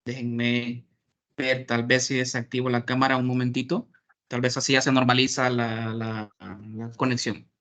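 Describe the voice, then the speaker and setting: Male lecturer, bright voice, audio cutting in and out over a bad video-call connection. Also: mid-range voice, little pitch movement, normal speed. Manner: plain explanatory, with hesitant fillers. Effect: choppy, breaking-up internet connection. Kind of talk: online class lecture. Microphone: computer mic on a video call.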